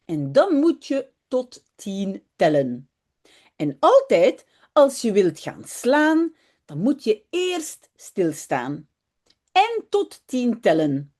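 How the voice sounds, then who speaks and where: A woman voicing a patient mother in a storybook reading, who coaxes and gently scolds her child slowly. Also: mid-range voice, wildly swooping pitch, full character voice. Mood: coaxing.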